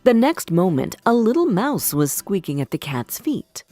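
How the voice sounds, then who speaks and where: A woman narrating a fairy tale for children in an expressive storybook manner. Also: mid-range voice, moderate pace, no room sound, soft background music.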